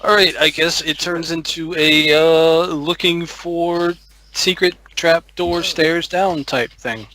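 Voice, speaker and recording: A man playing a tabletop game, thinking aloud slowly through his character's actions. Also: fairly high pitch, fairly even intonation, bright, forceful tone, a little hiss or hum. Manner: slow, thinking aloud with fillers and laughs. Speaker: player.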